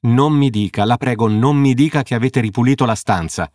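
A man's voice: medium pitch, brisk, darkish tone, no room sound, clean studio sound, lightly acted. A man reading an audiobook voices a stern, exasperated police sergeant who scolds sharply.

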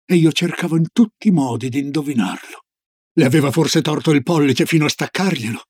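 A man narrating an audiobook in a measured storytelling voice. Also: on the high side, darkish tone, husky, dry recording, studio quality. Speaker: audiobook reader. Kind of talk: scripted narration.

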